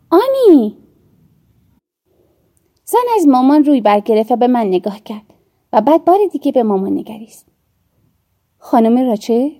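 A woman narrating an audiobook in a measured storytelling manner with soft, hushed dips. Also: fairly high pitch.

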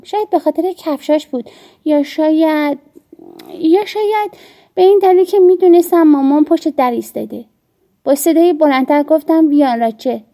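A woman narrating an audiobook in a measured storytelling manner with soft, hushed dips. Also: high-pitched, vocal fry.

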